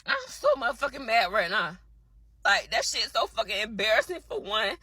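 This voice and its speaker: Furious woman, profane rant, high-pitched, bright and piercing, dry. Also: lively intonation, normal speed, breathy edge, dry recording. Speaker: tenant venting on video. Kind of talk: angry rant to camera.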